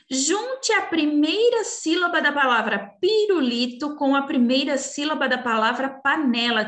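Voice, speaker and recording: A woman teaching young children over a recorded video, slowly and coaxingly walking them through a worksheet. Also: sits high. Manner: slow, coaxing, talks down gently to young children. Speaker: primary school teacher. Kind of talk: recorded remote class walkthrough. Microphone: computer recording while sharing screen. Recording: echoey room.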